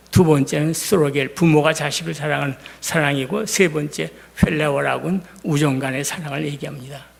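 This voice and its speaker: A male pastor preaching a sermon, retelling scripture dramatically and swinging between loud emphasis and hushed words. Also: sits high, creaky. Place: church sanctuary. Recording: long hall reverb.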